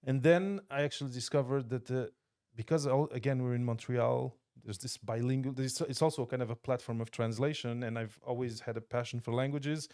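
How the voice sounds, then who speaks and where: A man's voice: medium pitch, steady tone, a little fast, few pauses, darkish tone, clear, resonant tone. Thoughtful man from Portugal, podcast guest. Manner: thoughtful, many restarts and fillers. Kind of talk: casual interview chat. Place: podcast studio.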